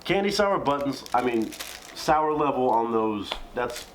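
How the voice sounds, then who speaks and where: Animated person talking while eating sour candy. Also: medium pitch, unhurried, a little hiss or hum. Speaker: challenge video co-host. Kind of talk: casual chat while tasting sour candy.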